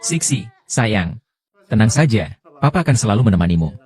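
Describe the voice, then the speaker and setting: An actor dubbing a cold, rich boss who is a devoted father, speaking softly and reassuringly. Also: on the low side, very animated, a little fast, breathy edge. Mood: tender. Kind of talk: dubbed drama acting.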